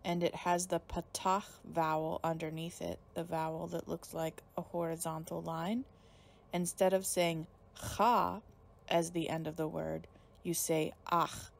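Gravelly, flat-voiced woman teacher. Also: low voice, normal speed. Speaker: Hebrew teacher. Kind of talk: recorded lesson.

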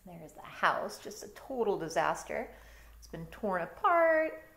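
Very animated yet unhurried, this middle-aged teacher reads a picture book in a fairly low, gravelly, slightly bright voice, breaking off for chatty explanations. She is a storytime reader in a home bedroom, and the recording carries a roomy indoor echo.

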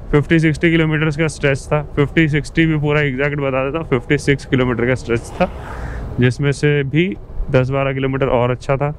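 A motorcycle vlogger with an Indian accent and a mid-range voice gives casual commentary while riding outdoors, switching between Hindi and English. The helmet-mic recording is noisy with engine, wind, vehicle and road sounds.

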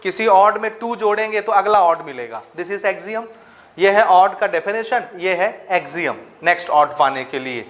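High-voiced maths teacher, man. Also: expressive, fairly bright tone. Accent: Hindi-speaking Chhattisgarh. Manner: checks understanding with frequent rhetorical questions; mixes Hindi with English maths terms, dictating slowly. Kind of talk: classroom lecture.

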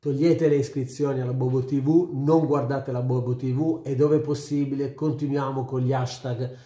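A man's voice: mid-range voice, steady tone, normal speed, dark tone. A middle-aged man giving his opinion casually to camera, emphatic and repeating his phrases, recorded at home. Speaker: YouTube sports commentator. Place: small furnished room at home, indoors. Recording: roomy indoor echo.

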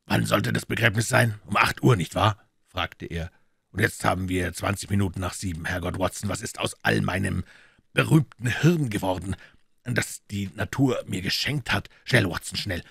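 A man reading an audiobook, voicing an urgent, commanding detective with a brisk delivery. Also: on the low side, vocal fry, fairly bright tone, husky, no echo, studio quality, exaggerated voice. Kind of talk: audiobook character voice.

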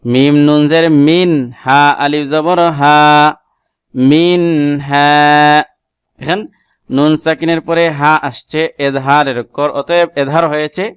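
A man's voice: fairly high pitch, fairly even intonation, moderate pace, smooth, no echo, studio quality. A man who speaks Bengali as his first language and teaches Quran reading, spelling out letters and vowel marks and then explaining each tajweed rule. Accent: Bangladeshi. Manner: chants the Arabic verse in a melodic recitation. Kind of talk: spelled-out Quran recitation lesson.

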